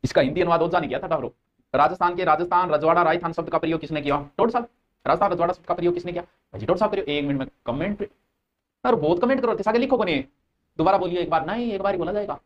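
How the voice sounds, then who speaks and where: A man with a Rajasthani accent giving a live exam-coaching lecture. He jokes, answers viewer comments aloud and repeats key terms slowly so students learn them by rote. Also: high voice, muffled recording. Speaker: teacher.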